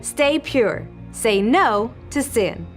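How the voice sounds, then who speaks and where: An actress playing an encouraging young team leader in a kids' show, upbeat and organizing. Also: female voice, fairly high pitch, animated, extremely slow, soft background music. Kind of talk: scripted kids' show acting.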